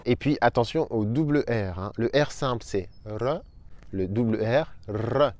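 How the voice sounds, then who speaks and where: A young adult man giving an upbeat online language lesson, slowly spelling out sounds for his viewers. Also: mid-range voice, a little mellow, dry recording. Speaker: Spanish teacher.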